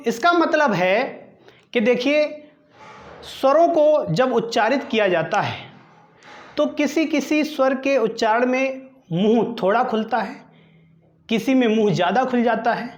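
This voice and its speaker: Slow, lively-voiced Hindi grammar teacher. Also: male voice, extremely high pitch, roomy sound, highs cut off. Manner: asks quiz questions and answers them himself, repeating terms; slow, deliberate drilling of each item. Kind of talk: exam-prep classroom lesson.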